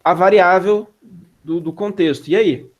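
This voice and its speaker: Male teacher, somewhat high-pitched. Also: measured pace. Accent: Brazilian Portuguese. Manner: casual, questions students, slangy asides. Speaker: instructor. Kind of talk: classroom lecture.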